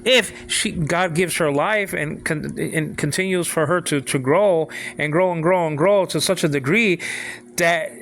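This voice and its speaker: A man of sixty giving an informal talk on faith, halting and repeating himself, often asking if the listener follows. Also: on the high side, vocal fry, fairly bright tone. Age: 60s. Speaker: father speaking on faith.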